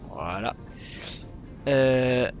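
A man's voice: medium pitch, extremely slow, muffled recording, faint music behind. A man giving casual tutorial commentary as a flight simulator presenter.

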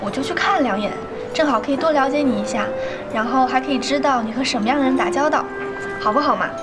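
A woman's voice: sits high, fast talker, natural voice. An actress in her twenties playing a sweet young girlfriend in a TV drama, pleading in a coquettish, whiny way. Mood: coy, coaxing. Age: 20s. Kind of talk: TV drama acting. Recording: background music.

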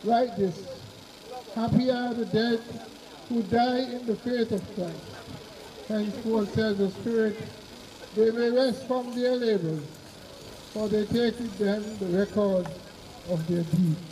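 A male clergyman reads graveside prayers in short, solemn phrases. His voice is strikingly high and mellow, and he is recorded outdoors from a distance. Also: steady tone. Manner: measured, formal recitation in short phrases. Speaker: clergyman officiating at a burial. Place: outdoor cemetery on open grassy ground. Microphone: far camera behind the speaker. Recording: distant mic outdoors, faint noise.

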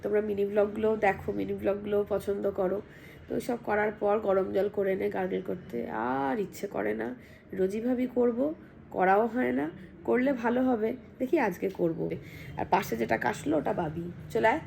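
A woman vlogger, hoarse from a cold, chatting casually at home and reading out viewer comments. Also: mid-range voice, normal speed, a little mellow, a little hiss or hum. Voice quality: husky, gravelly.

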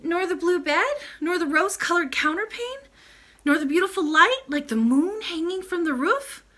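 An earnest little princess from a storybook, as acted by a woman reader. Her high voice swoops with feeling and rings out brightly. She pleads and exclaims indignantly. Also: sing-song, normal speed, exaggerated voice. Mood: insistent, bewildered. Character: emotional, earnest young princess, a little girl.

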